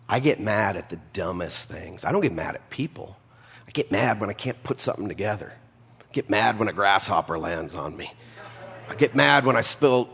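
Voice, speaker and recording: A man's voice: lowish voice, a bit bright, breathy edge. A man preaching a sermon in an easygoing, conversational way. He tells stories and drops casual asides to the congregation. His voice rings out with a long reverb, as if in a large hall. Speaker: pastor.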